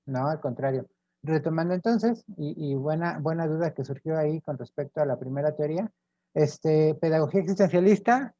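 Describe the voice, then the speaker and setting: A Mexican man lecturing a university class with a very dark, mellow voice. He explains patiently and keeps checking in with short tag questions. The sound is dry and a little dull, like muffled online class audio. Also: fairly high pitch, dry recording. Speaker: professor.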